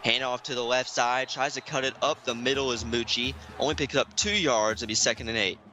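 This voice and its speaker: A man doing play-by-play commentary for an online football game, keeping his voice hushed and excited, climbing high and loud on big plays. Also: brisk, rough recording. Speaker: play-by-play announcer. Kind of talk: sports commentary. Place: home room, streaming.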